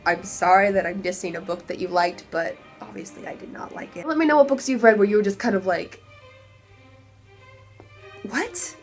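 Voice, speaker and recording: A young woman with a Texan accent, hoarse and losing her voice, giving an animated, exasperated book review with laughing asides. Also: mid-range voice, quick pace, few pauses, faint music behind. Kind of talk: casual video review rant.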